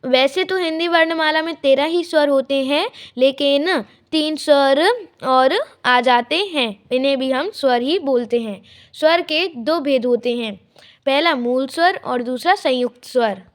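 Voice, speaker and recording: Female teacher, bright high register, slow step-by-step delivery for a grammar lesson. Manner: slow, drawn-out explanations with repeated examples.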